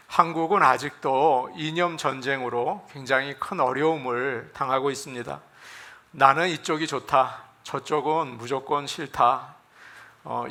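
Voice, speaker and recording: A man's voice: fairly high pitch, bright, forceful tone. A man preaching a Sunday sermon as pastor, folksy, acting out dialect lines. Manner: folksy, acts out regional dialect lines for humor. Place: church sanctuary.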